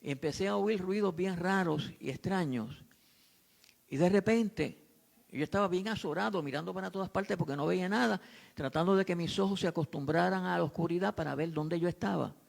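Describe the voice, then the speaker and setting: Gravelly-voiced preacher telling a dramatic story. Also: male voice, high-pitched, fairly quick. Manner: dramatic, repetitive, builds to shouting. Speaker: pastor. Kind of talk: sermon with testimony storytelling.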